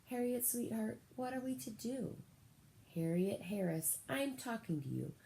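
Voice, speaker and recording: A patient, exasperated mother from a children's storybook, voiced by a woman reading aloud. Her address is measured and tender, with lively rises and falls. The tone is very mellow and the pace unhurried. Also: a little high, vocal fry, a little hiss or hum, poor audio. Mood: restrained exasperation.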